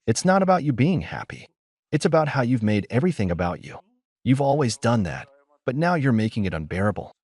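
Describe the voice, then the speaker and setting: A man's voice: medium pitch, very animated, fairly quick, darkish tone, husky, dry recording. A man doing a sarcastic, spiteful young woman. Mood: sarcastic, mocking. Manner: mocking, dripping sarcasm.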